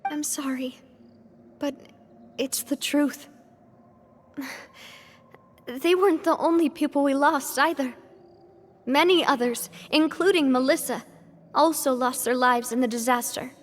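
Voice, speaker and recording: A woman voicing an earnest young woman who leads a close-knit band, speaking in a gentle, hesitant way. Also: high-pitched, unhurried, long pauses. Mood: somber. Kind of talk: video game voice acting. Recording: game audio with reverb and music.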